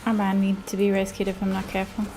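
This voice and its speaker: A woman's voice: medium pitch, completely flat delivery, quick pace, a little mellow, soft background music, poor audio. A woman giving casual commentary while playing a game, muttering short asides to herself. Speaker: game player.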